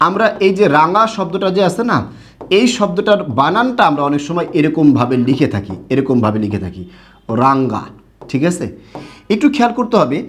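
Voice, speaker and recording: A man with a Bangladeshi Bengali accent gives an online Bangla grammar lesson in a slightly high voice. He explains patiently, repeating key words and asking rhetorical questions as he goes. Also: darkish tone.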